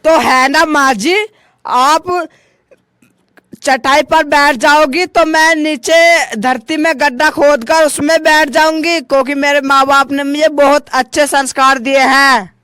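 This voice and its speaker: A man voicing a sharp, prim young daughter-in-law in a comic sketch. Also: very high voice, steady tone, unhurried, dry recording, clean studio sound, exaggerated voice. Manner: prim, insistent.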